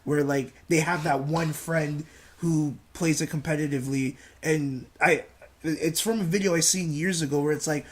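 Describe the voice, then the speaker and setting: A man's voice: fairly high pitch, steady tone, normal speed. A man co-hosting a casual podcast, rambling with lots of filler words. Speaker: podcast co-host. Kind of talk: casual gaming chat.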